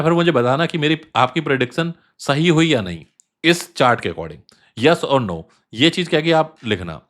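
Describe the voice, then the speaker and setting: A medium-pitched man runs a crypto trading channel, breaking down charts conversationally. He leans on repetition for emphasis and uses fillers whenever he pauses.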